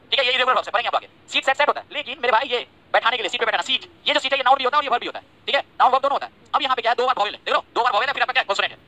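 A man races through an online grammar lesson at a breakneck pace. His voice is bright and forceful. He keeps repeating points and checking that his students follow, and he drops in teasing, chatty asides. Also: extremely high pitch. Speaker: English grammar teacher.

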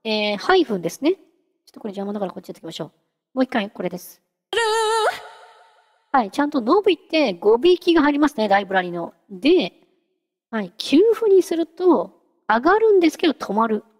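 A woman hosting a casual software tutorial, chatty and giggly, talking her way through a live demo. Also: fairly high pitch, sing-song, fairly quick, long pauses, long reverb tail, lo-fi sound. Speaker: VTuber host teaching singing-synth software.

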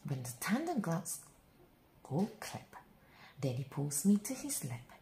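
This female storyteller has a deep voice and reads kids' picture books at an unhurried pace, hugely expressive, as a bedtime read-aloud. She uses dramatic, deliberate phrasing and draws out her words. The recording has an echoey room sound and faint noise.

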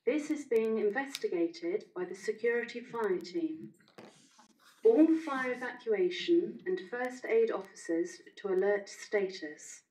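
A woman's voice comes over a PA system with a formal emergency announcement. She speaks in a measured, deliberate manner, and her words echo around the room from a loudspeaker well away from the microphone. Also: mid-range voice. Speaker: incident control officer making a building announcement. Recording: echoey loudspeaker heard from far off.

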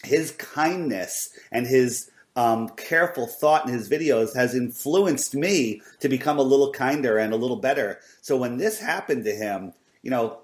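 A man's voice: mid-range voice, expressive, normal speed, hardly any pauses. Rambling man in an echoey room. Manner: rambling, with many "you know"s. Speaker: podcast co-host. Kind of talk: casual podcast talk.

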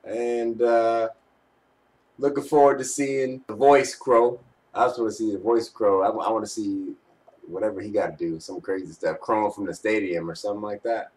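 A man's voice: on the low side, fairly even intonation, moderate pace, a little mellow. A young man giving casual, teasing postgame commentary in slangy speech, recorded on a webcam in a bedroom. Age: young adult. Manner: slangy, teasing trash talk. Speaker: sports fan vlogger. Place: small bedroom, indoors. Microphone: webcam at arm's length. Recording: home webcam, slightly distant mic.

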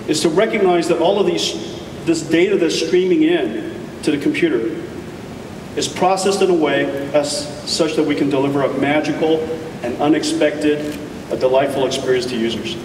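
Keynote presenter, male, enthusiastic and deliberate, slightly high voice, taped from afar in an echoey hall. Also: recorded from a distance, noisy background. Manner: enthusiastic, deliberate with emphatic pauses. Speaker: keynote speaker. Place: large conference hall stage.

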